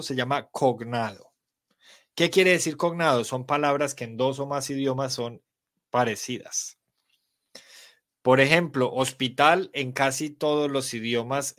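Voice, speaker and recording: A man leads a live-streamed English lesson. His voice sits at an ordinary middle pitch, and he explains words patiently, often pausing to correct himself. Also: fairly bright tone. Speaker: English teacher. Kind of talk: live-streamed online class.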